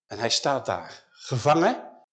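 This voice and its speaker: A man's voice: medium pitch, very animated, slow pace, fairly bright tone. A man preaching a sermon who retells a story with emphasis and rhetorical questions.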